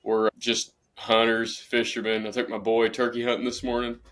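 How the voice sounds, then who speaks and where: A man's voice: mid-range voice, completely flat delivery, moderate pace, a bit bright. A man in his thirties, a podcast guest, talking in a friendly, easygoing, plain-spoken way. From Southern Illinois. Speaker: podcast guest, real estate investor. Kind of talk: casual interview chat.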